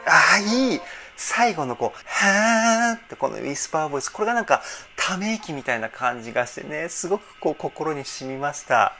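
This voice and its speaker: A male vocal trainer giving song reaction commentary, swinging his pitch widely as he gushes. He breaks into bursts of praise, then settles back into short technical explanations. A song plays faintly behind him. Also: sing-song, brisk, hardly any pauses, pushed and bright, soft background music. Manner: effusive, exclaims between short analytic remarks. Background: faint song playing.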